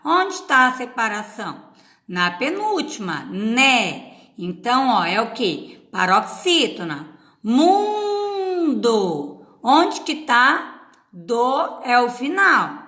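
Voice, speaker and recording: Patient woman teacher, slow and echoey. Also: fairly high pitch, big pitch swings, sharp tone. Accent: Brazilian Portuguese from Paraná. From Paraná, Brazil. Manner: patient, drawn-out syllables, frequent "tá?". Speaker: schoolteacher. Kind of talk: recorded remote class for children. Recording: echoey room.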